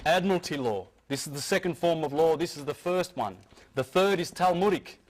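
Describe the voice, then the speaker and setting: A man with a fairly high voice speaks a little quickly in an informal, earnest talk to a live audience. He often stumbles, restarts and repeats words as he explains.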